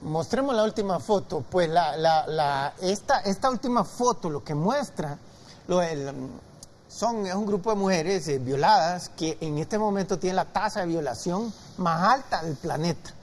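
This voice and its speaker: Male pundit, halting delivery full of fillers, faint noise behind. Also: sits high, animated. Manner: hesitant, many fillers and restarts. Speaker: guest analyst. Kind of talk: casual TV talk show discussion. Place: TV studio.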